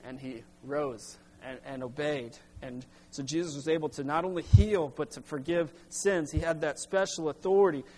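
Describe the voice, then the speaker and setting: A middle-aged man preaching a sermon as pastor, halting with restarts, then pressing into emphatic bursts. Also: fairly high pitch, mellow, slight background noise. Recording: long hall reverb.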